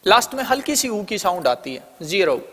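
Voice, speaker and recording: A man's voice: high voice, very animated, a little fast, pushed and bright, breathy edge, big-room sound. A man with an Indian accent teaching an online exam-prep lesson, explaining step by step and posing questions he then answers himself. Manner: explains step by step, often asking and answering his own questions.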